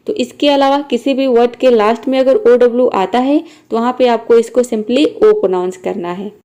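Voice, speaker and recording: A woman with a fairly high, slightly mellow voice teaches English pronunciation rules. She is patient and methodical, going over points repeatedly as she explains.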